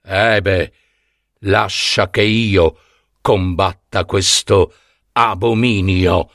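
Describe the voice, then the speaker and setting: A man voicing a mighty sea god, stern and commanding, speaking gravely. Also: low voice, steady tone, extremely slow, a bit bright, dry recording, clean studio sound, heavily acted.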